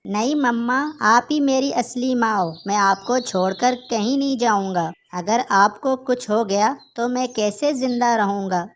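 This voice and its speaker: A woman's voice: a little high, a little slow, few pauses, slight background noise, natural voice. A woman voicing a clinging baby sparrow boy. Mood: pleading. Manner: pleading and clinging. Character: young boy sparrow chick, devoted to his mother.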